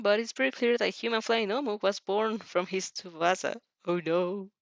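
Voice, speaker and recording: Reading fan fiction with lots of expression, a woman keeps slipping into chatty side comments as she reacts to the story. Her voice is medium-pitched and gravelly. The recording is close and dry with no echo and has a slightly muffled, lo-fi quality.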